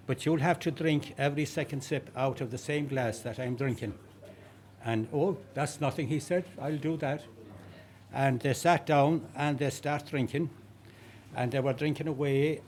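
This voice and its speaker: A man's voice: mid-range voice, darkish tone, a little hiss or hum. Lilting Connemara Irish storyteller, a man. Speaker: traditional sean-nós singer. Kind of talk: informal oral storytelling before a song.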